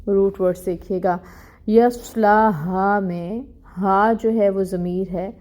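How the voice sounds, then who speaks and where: A woman teaching tajweed in an online lesson, explaining each rule plainly and reciting verses slowly and drawn out. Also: medium pitch, steady tone, a little mellow. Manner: explains rules plainly, mixing in English words.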